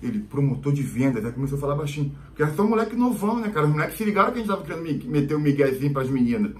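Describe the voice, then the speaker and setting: A man's voice: on the high side, very animated, rapid-fire. Rambling carioca vlogger man, slangy. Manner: rambling, slangy, lots of fillers. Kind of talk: casual storytelling vlog.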